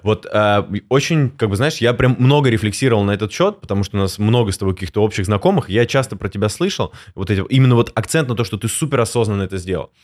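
A man's voice: lowish voice, expressive, fast talker, hardly any pauses. A man hosting an interview, asking long, engaged questions in a casual way. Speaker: interviewer, host.

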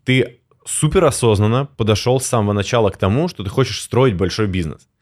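A man's voice: fairly low pitch, animated, fairly quick. A man hosting an interview, asking long, engaged questions in a casual way. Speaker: interviewer, host.

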